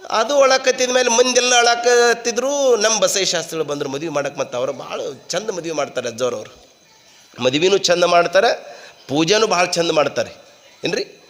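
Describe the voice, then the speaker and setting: A man's voice: sits high, a bit bright, long reverb tail. A man with a North Karnataka Kannada accent giving a devotional sermon, reciting verses rhythmically and telling stories with animation. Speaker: preacher. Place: large hall at a monastery.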